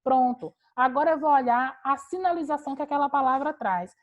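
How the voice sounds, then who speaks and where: A woman's voice: high-pitched, a little fast, highs cut off. A woman teacher giving an online class on a video call, explaining step by step with patient rhetorical questions.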